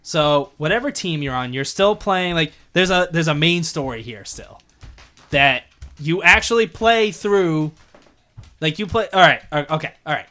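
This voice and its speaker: A man's voice: a little high, animated, unhurried, pushed and bright. A young man co-hosting a gaming podcast in casual chat, talking loosely with fillers and restarts and laughing easily. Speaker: podcast co-host.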